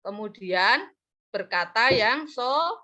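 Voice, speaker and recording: Against a loud crowd, a woman with a fairly high, expressive voice teaches a practice classroom lesson at a slow pace. She coaxes and praises, often trailing off mid-word for the class to finish. The recording sounds muffled and lo-fi.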